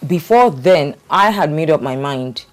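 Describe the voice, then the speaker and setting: A woman's voice: deep voice, animated, a little slow. Middle-aged woman, candid personal story, conversational, hesitant, many restarts. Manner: hesitant, with frequent fillers and restarts. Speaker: guest sharing her life story.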